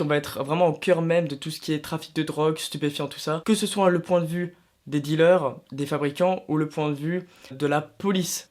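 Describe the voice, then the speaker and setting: A man's voice: on the high side, a little mellow. A young man from France chatting casually to his viewers, recommending films and series with self-mocking asides. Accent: French. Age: young adult. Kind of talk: casual vlog talking to camera.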